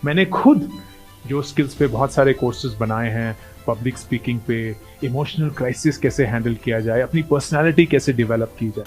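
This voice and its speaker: A man delivering a promotional outro talk in an earnest, persuasive way, urging listeners to try an app's courses. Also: mid-range voice.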